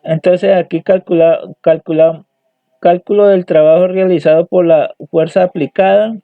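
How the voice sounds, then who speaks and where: Hesitant young male student, high voice, slow delivery, reading results over lo-fi dry audio. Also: steady tone, no echo. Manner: hesitant, halting, repeats words and restarts. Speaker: student presenting homework. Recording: dry tinny phone-like audio.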